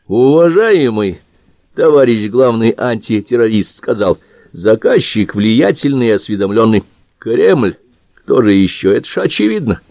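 A man's voice: medium pitch, darkish tone, no echo, muffled recording. A man reading as a heated Georgian man. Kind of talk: audiobook character reading.

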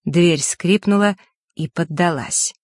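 Audiobook narrator, mid pitch, measured and steady, dry close sound. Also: no echo. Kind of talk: scripted narration.

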